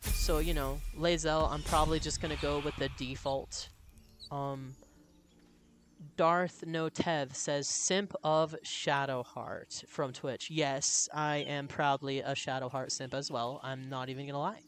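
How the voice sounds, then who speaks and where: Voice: mid-range voice, flat delivery, a little slow, a bit bright. A game streamer chatting casually and reading out viewer comments in an easygoing way.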